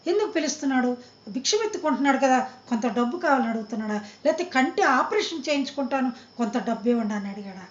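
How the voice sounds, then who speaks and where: A woman preacher delivering a storytelling sermon, acting out the voices of the people in the tale. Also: a little high. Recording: roomy, muffled lo-fi sound.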